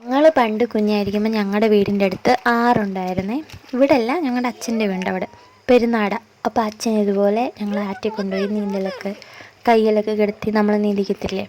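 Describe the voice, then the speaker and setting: A woman's voice: mid-range voice, steady tone, fast talker, darkish tone, slight background noise. A mother narrating a family vlog in a chatty way, explaining step by step and correcting herself as she goes. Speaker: vlogger and mother.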